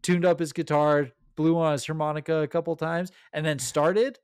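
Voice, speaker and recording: Enthusiastic podcast co-host, a man with a slightly high voice, dry close-miked sound. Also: moderate pace, smooth, no room sound. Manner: enthusiastic, animated storytelling. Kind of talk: casual chat.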